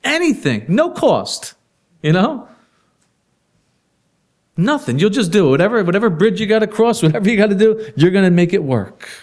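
A man preaching a sermon in a conversational way, asking the congregation rhetorical questions and laughing softly now and then. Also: high-pitched, big pitch swings, normal speed, pauses often.

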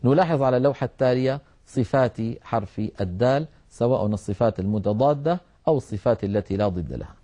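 A middle-aged man with a dark, mellow tone teaches Quran recitation. He talks at a measured pace, explaining step by step and sounding out individual letters so learners can copy them. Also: medium pitch, animated. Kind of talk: televised tajweed lesson.

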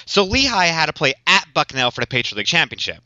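A young man hosting a casual sports podcast, joking and animated as he tells the story. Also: on the high side, quick pace, dry recording. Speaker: podcast host. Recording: dull lo-fi podcast recording, dry.

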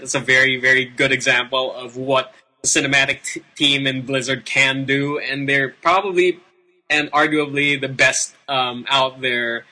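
A Filipino man hosts a casual gaming show. His mid-pitched voice is very bright and sharp, with a Filipino accent. He rambles unscripted and leans emphatically on repeated words. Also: rough recording. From Philippines. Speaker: video game show host. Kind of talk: casual, unscripted game commentary.

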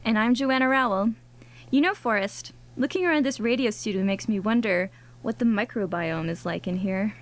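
A woman co-hosting a science radio show in a studio, explaining things conversationally in a bright, curious manner. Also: mid-range voice, normal speed. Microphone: studio microphone.

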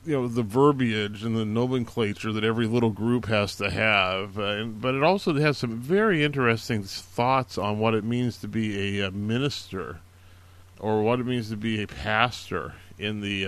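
A man's voice: fairly low pitch, normal speed. A man hosting a casual show, recommending books in an earnest, encouraging way, with many fillers and restarts. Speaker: podcast host recommending books. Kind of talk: casual spoken book recommendations.

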